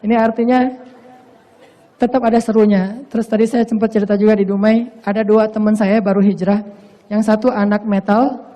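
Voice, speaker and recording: A man's voice: sits high, level tone, fairly quick, mellow. A man giving a casual, humorous sermon in a playful, slangy way. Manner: playful, slangy, acts out quoted voices. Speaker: preacher.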